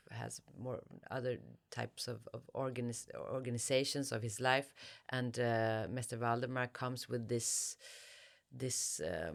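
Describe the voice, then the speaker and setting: A Swedish author with an accent speaks in an extremely low, creaky voice. Whether answering thoughtfully as an interview guest or reading from her novel, she talks haltingly, searching for words.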